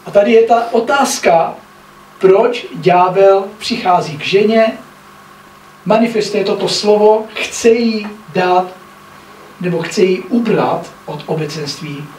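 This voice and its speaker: High-voiced preacher in an echoey hall. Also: male voice, long pauses, a little mellow, a little hiss or hum. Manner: earnest, often checks in with listeners. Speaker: pastor. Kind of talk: sermon with scripture reading. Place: church hall. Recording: echoey room, mic at a distance.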